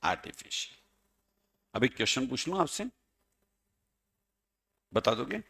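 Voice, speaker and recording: Male teacher, slightly high voice, playful classroom lecturer who calls students by name. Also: lively intonation, a little slow, fairly bright tone. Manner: playful, addresses students by name, chanting mock examples.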